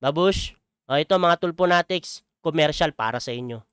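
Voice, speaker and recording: Male vlogger reacting to clips, smooth clean voice, dry close sound, exclaims a lot. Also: fairly high pitch, normal speed, a bit bright, no room sound. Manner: exclaiming, chuckling, repeats clip lines back. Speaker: YouTuber host. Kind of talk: reaction commentary on a video clip.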